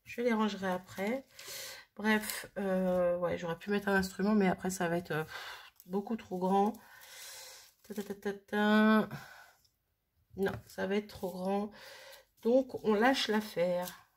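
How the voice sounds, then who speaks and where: A woman's voice: mid-range voice, fairly even intonation, unhurried. A woman casually thinking aloud as she works on a craft project, chatting and muttering to herself at her worktable. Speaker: crafting vlogger.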